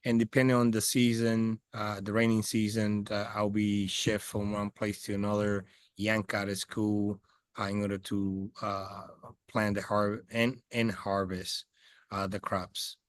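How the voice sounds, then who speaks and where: A man in his forties from the Dominican Republic answers interview questions in English over a video call, outdoors by a house among trees. His fairly low voice is flat and unhurried, with many hesitant fillers and restarts in this casual chat, and there is no room sound.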